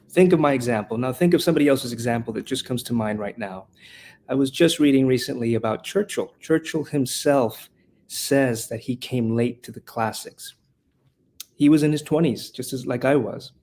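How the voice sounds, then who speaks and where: A Honduran man, interviewed as a podcast guest, runs a classical school and teaches rhetoric. His mid-range voice has a darkish tone and a moderate pace, and he speaks passionately and earnestly, frequently restarting what he says.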